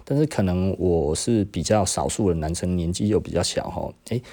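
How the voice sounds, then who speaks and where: A middle-aged man, hosting a podcast and casually telling stories from his own life, tagging his phrases with a drawn-out "hm" particle and chuckling as he goes. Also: low-pitched, dark tone. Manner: tags nearly every phrase with a drawn-out "hm" particle and chuckles often. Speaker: podcast host. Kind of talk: casual personal storytelling.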